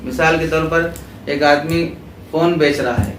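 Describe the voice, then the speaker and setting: With a fairly high pitch, steady delivery, and fairly bright tone, a man with a Pakistani Urdu accent teaches at a religious school. He asks students questions, repeats their answers, and explains terms, recorded from afar in a roomy space with clear background noise.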